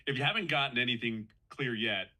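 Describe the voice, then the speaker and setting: A man's voice: mid-range voice, expressive, a little fast, pushed and bright, rough recording. A man in his fifties sharing his personal story as a guest on a live call, earnest and conversational, often restarting and repeating himself for emphasis. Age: 50s.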